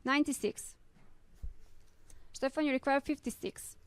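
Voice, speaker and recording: A woman with a high voice works as a darts score caller. She announces each score and required finish in formal set phrases. There is clear background noise with clicks behind her. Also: unhurried.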